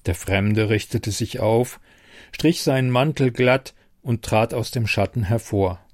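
Man narrating an audiobook, measured, steady, mid-pitched, dry close sound. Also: no room sound.

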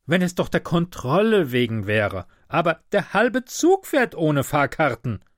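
A man's voice: a little high, sing-song, a little slow, no room sound, studio quality, pitched above the performer's own voice. A man voicing a frail, sickly older male train passenger who complains in a tearful, whining way. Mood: scolding.

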